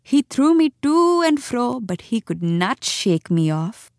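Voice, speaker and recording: A woman's voice: a little high, big pitch swings, slow pace, darkish tone, no echo, clean studio sound, pitched above the performer's own voice, heavily acted. A woman voicing a brave, boastful young male mongoose in a storybook reading. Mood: gloating. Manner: bold, cocky, chuckling.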